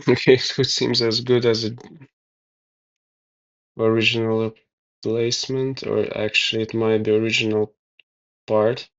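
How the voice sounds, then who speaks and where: Slow, mumbling man thinking aloud. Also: on the low side, flat delivery, fairly bright tone. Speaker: DIY video maker. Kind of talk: casual narration over hands-on repair. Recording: somewhat dull, lo-fi sound.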